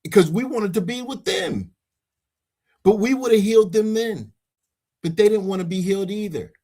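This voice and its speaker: A man with a high, mellow voice leads a religious discussion at a moderate pace, preaching informally and sharing personal testimony. He is emphatic and repeats phrases for weight.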